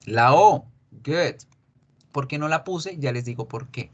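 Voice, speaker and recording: A man teaching an English grammar lesson, explaining slowly and repeating each example. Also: a little high, expressive, highs cut off. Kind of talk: recorded online grammar lesson.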